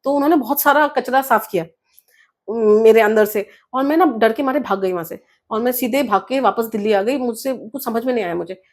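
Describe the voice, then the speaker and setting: In an interview, a woman who is a guest author earnestly recounts something from her own life, often mixing in English words. She speaks briskly in a slightly high voice.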